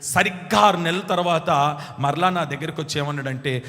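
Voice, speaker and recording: A man preaching a sermon as pastor, emphatic, urging the congregation to answer back louder. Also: fairly high pitch, fairly quick. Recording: long hall reverb.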